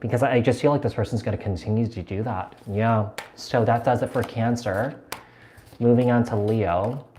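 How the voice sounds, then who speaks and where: A man's voice: mid-range voice, normal speed, dark tone, slight background noise. A man from the United States giving a live tarot reading, talking in a chatty, meandering way with lots of fillers and repeated words. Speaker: tarot reader.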